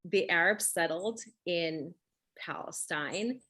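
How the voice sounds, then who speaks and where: A woman who grew up speaking Russian hosts a conversational interview, speaking emphatically and often checking in with "right?". Her voice is fairly low, husky, pushed, and bright, and she talks slowly.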